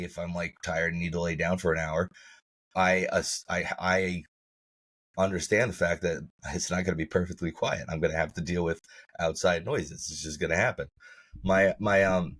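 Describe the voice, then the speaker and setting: A man co-hosting a podcast in casual chat, sounding tired and froggy as he comes down with a cold, rambling and swearing. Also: fairly bright tone. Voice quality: husky, low and froggy. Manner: rambling, profane, laughs often. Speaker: podcast co-host.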